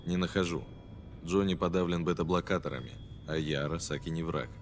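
Deep-voiced actor as curt hard-bitten mercenary. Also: male voice, steady tone, a little fast, slight background noise, close to an everyday voice. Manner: dry, curt. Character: hard-bitten, dry, commanding male mercenary. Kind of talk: video game voice acting, Russian dub. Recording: music behind.

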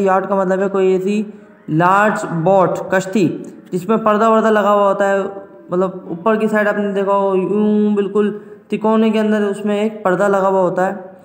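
Man, Pakistani accent, teacher, high voice, slow careful lecture, roomy echo. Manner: reads English slowly, then explains at length with repeated "ठीक है" checks. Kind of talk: classroom lecture reading an English text aloud and explaining it in Hindi-Urdu. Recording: echoey room with long reverb.

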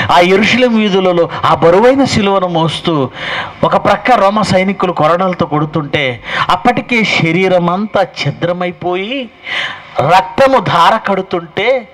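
A man's voice: high voice, expressive, unhurried, a bit bright, low-quality recording. A man preaching a live sermon as pastor, emphatic and firing off rhetorical questions, with mocking asides.

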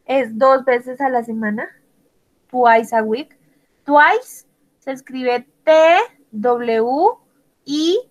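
Slow, deliberate woman teaching English. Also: a little high, a bit bright, poor audio. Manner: slow, deliberate, spells letters one by one. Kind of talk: bilingual language lesson, spelling words aloud.

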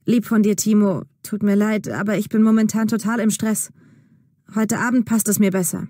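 A woman's voice: medium pitch, steady tone, moderate pace, dark tone, no room sound, studio quality, lightly acted. A woman voicing a proud, impatient male artist who speaks firmly about his own work. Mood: apologetic. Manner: firm, self-assured. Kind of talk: acted dialogue in a learner audio drama.

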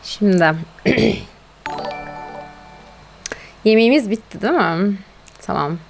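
A woman's voice: mid-range voice, lively intonation, slow, gravelly, faint music behind. A woman streamer chatting casually while playing a game, exclaiming and cooing at her pets and talking to viewers. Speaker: gaming streamer. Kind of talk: casual live-stream gameplay chat.

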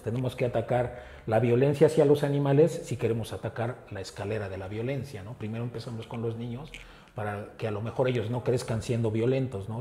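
A man with a Mexican Spanish accent, an animal rescuer, talking earnestly in an interview and often pausing on filler words. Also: medium pitch, dark tone. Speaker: animal rescue group founder. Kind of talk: casual interview talk. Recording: roomy echo with faint ambience.

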